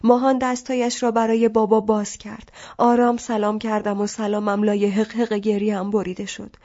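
A woman narrating a literary novel as an audiobook in a calm, measured reading. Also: mid-range voice, lo-fi sound.

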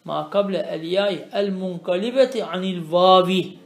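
Man, high-pitched voice, teacher explaining a text line by line, quizzing the student, echoey room. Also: vocal fry. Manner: reads Arabic phrases slowly, then explains them, often asking the student questions. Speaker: teacher of Arabic grammar. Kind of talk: traditional religious lesson, explaining a text line by line.

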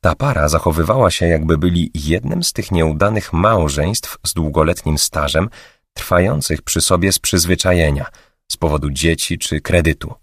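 A man reading an audiobook in steady, scripted narration. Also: low voice, normal speed, no room sound, studio quality.

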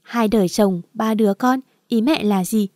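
A woman telling a first-person story as narrator in a steady, even way. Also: medium pitch, normal speed, dry recording, clean studio sound.

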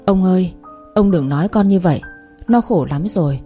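A woman's voice: on the low side, normal speed, dark tone, soft background music, close to an everyday voice. A woman voicing a distraught middle-aged village mother. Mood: pleading. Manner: scolding, then pleading.

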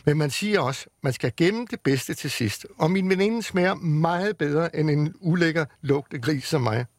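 A man's voice: fairly high pitch, no room sound, clean studio sound, lightly acted. A man reading aloud and voicing a shy, grubby little boy pig who turns cheeky. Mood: sly.

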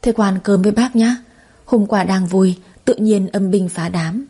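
A spiteful middle-aged mother-in-law with a sharp, insulting tongue, as a woman storyteller puts her on. The voice is warm and low-toned, a little husky, even as she scolds. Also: normal speed. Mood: scornful scolding.

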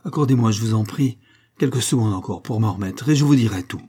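A man's voice: fairly low pitch, fast, dark tone, husky. A man playing a defiant, breathless captain. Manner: proud, dignified defiance. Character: heroic French male army captain, defiant under torture.

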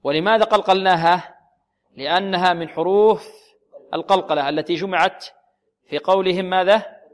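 A man teaching Quran recitation in a radio lesson, asking questions and answering them himself while slowly repeating words to model their pronunciation. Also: sits high.

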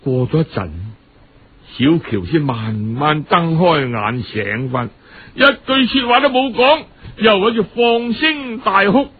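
Fairly high-pitched with a breathy edge, a man with a Cantonese accent recounts a story in a dramatic, everyday-speech radio audiobook style, drawing out the particles at phrase ends. The sound is phone quality.

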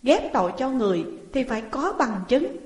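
A woman's voice: sits high, big pitch swings, normal speed, darkish tone, voice pushed up. A young wife, wrongly accused, pleads with anguish in her voice, as a woman narrator puts her on. The sound is roomy and carries a long reverb. It is a storybook reading.

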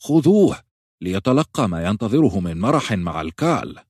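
A man voicing a wiry little caravan master in a fantasy audiobook, brisk and bossy. The voice jumps far above the narrator's own and comes out louder. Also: mid-range voice, very animated, slightly rough, no echo, clean studio sound, pitched above the performer's own voice. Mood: commanding. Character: small, leathery male caravan master, brisk and apologetic.

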